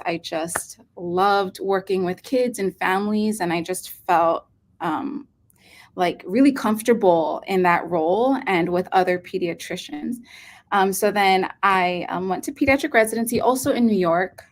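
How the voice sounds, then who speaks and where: A woman in her thirties from Hawaii, speaking as a pediatric nephrologist guest in an earnest, unhurried way with many um fillers. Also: mid-range voice. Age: 30s. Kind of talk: casual interview talk.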